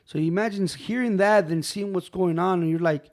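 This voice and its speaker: A man telling a personal story on a podcast in loose, casual speech, with a voice pitched a bit higher than most men's. He keeps it animated, playing out what other people said and calling his listener "bro" and "man.". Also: a little fast. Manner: animated, acts out quoted voices, says "bro" and "man" often.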